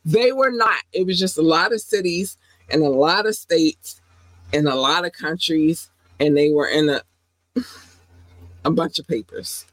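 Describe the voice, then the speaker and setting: A warm, affectionate woman chats loosely on her own solo podcast, giving shout-outs, calling listeners "baby," laughing often and jumping into high squeals when excited. She keeps a measured pace with frequent pauses, and the sound is close and dry with no room echo.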